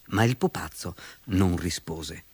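Brief: male narrator for a children's fable, very animated pitch, dry close sound, soft music under. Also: takes it slowly, breathy edge, dry recording. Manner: lively, expressive storytelling.

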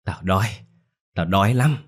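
A man voicing a ravenous, foul-mouthed old grandmother who is possessed and ghoulish, snarling and screaming curses in a raised, louder voice. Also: sits low, animated, normal speed.

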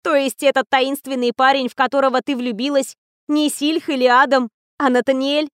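A woman's voice: sits high, level tone, no room sound, studio quality, close to an everyday voice. Woman reading a teasing young student girl. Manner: teasing, quick to react. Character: young female student friend, lively and teasing.

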